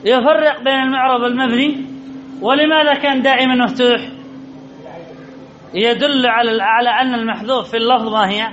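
A man's voice: extremely high pitch, steady tone, brisk, long pauses, fairly bright tone. A man teaching a grammar lesson to a class, asking questions and repeating the answers over and over. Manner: drills points by asking students questions, then repeats the answers. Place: classroom with students. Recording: dull lo-fi recording with faint background noise.

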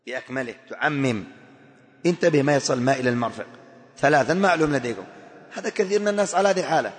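A male preacher giving an animated religious lesson, demonstrating with gestures and exhorting his listeners. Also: a little high. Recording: long hall reverb.

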